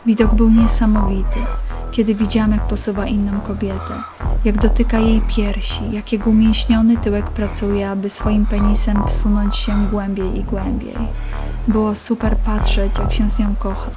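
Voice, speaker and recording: Woman reading a first-person story, calm intimate tone, music going behind. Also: medium pitch, normal speed. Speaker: narrator. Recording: narration over background music.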